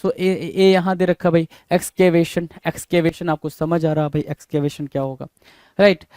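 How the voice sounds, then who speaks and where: Man, exam spelling teacher, repetitive rhetorical questions, high pitch, dry close sound. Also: moderate pace, a little mellow, no echo. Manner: repetitive, rhetorical questions, calls students "bhai". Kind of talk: exam prep lesson, spelling out words letter by letter.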